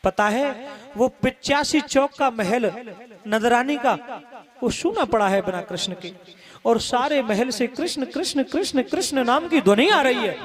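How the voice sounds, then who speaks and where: A man's voice: very high-pitched, lively intonation, measured pace. A male religious storyteller narrating a devotional story in an impassioned, rhythmic way with much repetition. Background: instrumental music.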